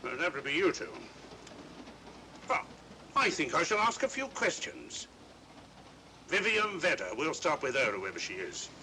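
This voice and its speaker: A sceptical, plodding police inspector in an old mystery film. His voice sits slightly high and swings animatedly as he questions officiously, over a rumbling, noisy vintage soundtrack. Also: big pitch swings, a little slow, long pauses. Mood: puzzled, businesslike. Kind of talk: 1940s mystery film acting.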